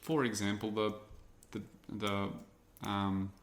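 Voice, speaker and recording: A young man co-hosting a casual podcast, telling animated stories and acting out other people's lines. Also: fairly low pitch, slow. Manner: animated storyteller who acts out other people's voices. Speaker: podcast co-host; teacher. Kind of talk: casual chat.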